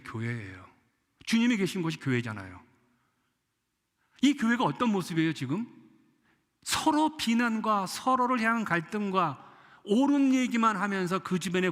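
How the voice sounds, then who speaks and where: A pastor with a voice on the high side and a bit bright preaches an impassioned sermon in a church sanctuary. He acts out the people he quotes, and the recording has an echoey church-hall sound.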